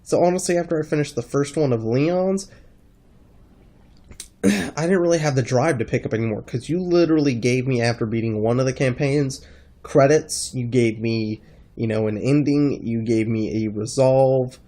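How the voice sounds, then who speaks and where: A man with a congested, stuffy-nosed voice talking casually in a rambling gaming vlog, halting as he thinks. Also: mid-range voice, mellow. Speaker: gaming video creator.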